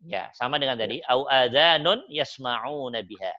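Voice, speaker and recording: Male Quran teacher leading students over a lo-fi video call: a very lively pitch, rhetorical questions, bursts of near-shouting emphasis. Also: moderate pace. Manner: animated and emphatic, rising to near-shouting on key points. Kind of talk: online Quran study lesson, translating verses with students.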